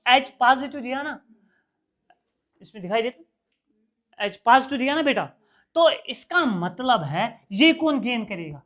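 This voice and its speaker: A man's voice: very high voice, animated, measured pace, long pauses, fairly bright tone. A male teacher giving a classroom chemistry lecture, quizzing his students in a call-and-response rhythm and answering his own questions. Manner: repeats key terms in a call-and-response rhythm.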